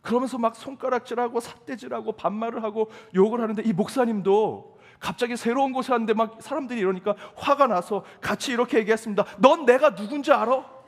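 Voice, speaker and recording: A man preaches in an emphatic, questioning style, his voice pitched high for a man. The sound carries the long reverb of a church sanctuary, with each phrase trailing off into the hall. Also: fast, hardly any pauses. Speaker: pastor. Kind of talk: sermon.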